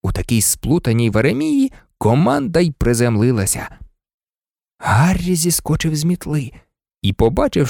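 Lively dramatic audiobook narrator. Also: medium pitch, creaky, no room sound, studio quality. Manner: lively, dramatic, many character voices. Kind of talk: expressive storybook narration.

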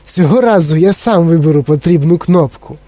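A man's voice: on the high side, normal speed, warm tone, no echo, natural voice. A man voicing an eccentric, giddy factory owner who gushes and exclaims breathlessly in an audiobook reading. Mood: hurried.

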